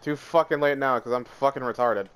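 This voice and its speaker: A man chatting with friends over voice chat while gaming, joking and cursing loudly. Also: medium pitch, brisk. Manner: loud, profane, joking banter. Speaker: gamer.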